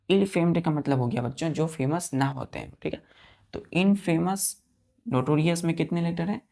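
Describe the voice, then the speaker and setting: Low, gravelly-voiced woman teaching vocabulary. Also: warm tone. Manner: spells words letter by letter and counts them aloud; asks the class repeated questions. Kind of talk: vocabulary lesson for students.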